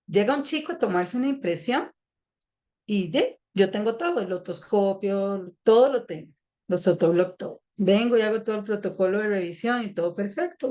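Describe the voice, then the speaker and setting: A young adult woman audiologist telling a lively, self-mocking anecdote on a panel, acting out moments as she goes. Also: medium pitch.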